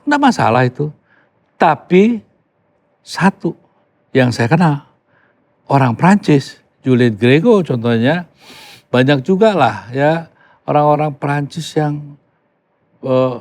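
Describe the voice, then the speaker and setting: A man's voice: fairly high pitch, lively intonation, slow, pauses often, a little mellow. An older man from Yogyakarta, talking casually as a podcast guest, emphatic and mixing in English phrases. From Yogyakarta, Indonesia. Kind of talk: casual conversation.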